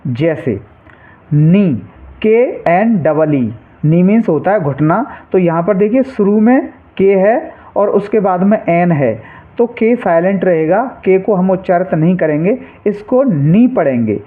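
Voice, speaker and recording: A man with a fairly high voice explains rules step by step, like a patient classroom teacher. He says each rule twice and quizzes with short questions. The sound is thin and tinny, like a phone line. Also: lively intonation, a little slow. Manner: patient, repeats each rule and asks quiz-style questions. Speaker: English teacher.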